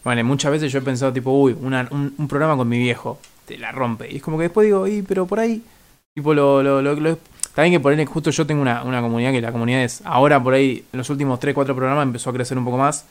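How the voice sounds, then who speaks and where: A man with a Rioplatense Argentine accent hosting a stream, asking questions in halting, filler-heavy phrases. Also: mid-range voice, clean tone. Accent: Rioplatense Spanish. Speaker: stream host. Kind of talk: casual interview on a stream.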